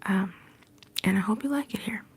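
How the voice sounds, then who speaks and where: A woman hosting a whispered ASMR livestream from home. She drifts between a soft whisper and a soft-spoken voice, gently greeting chat viewers into a phone set a little way off. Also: medium pitch, moderate pace, slight background noise. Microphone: phone set some distance away.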